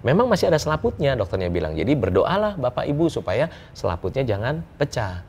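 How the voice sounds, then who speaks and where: A man, a business coach telling personal stories in a casual interview, lively and joking, chuckling often and mixing in English words. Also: mid-range voice, fast talker, slight background noise. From Indonesia.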